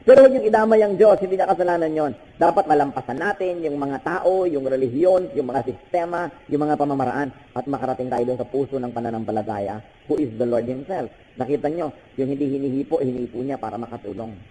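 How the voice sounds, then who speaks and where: An older man with a Filipino accent, preaching a sermon with animated bursts and switching between Tagalog and English. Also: fast talker, a little hiss or hum. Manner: animated preaching with sudden high-pitched bursts. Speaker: pastor. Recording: hall with long reverb.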